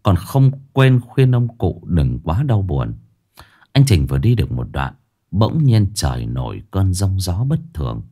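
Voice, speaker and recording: A man's voice: sits low, sing-song, a little slow, mellow, husky. A man narrating a ghost story expressively, acting out every voice. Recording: faint background music.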